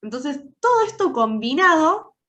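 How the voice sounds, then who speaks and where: A woman's voice: high voice, sing-song, a little slow, sharp tone. A woman with an Argentine accent, nasal and congested from a cold, teaching an online workshop and asking her audience many questions. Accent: Argentine Rioplatense Spanish. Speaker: soft-skills trainer.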